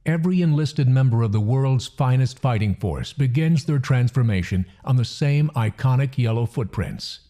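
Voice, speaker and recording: A man narrates a documentary in a measured, solemn way. His voice is dark and mellow, and his pitch moves a lot. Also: animated.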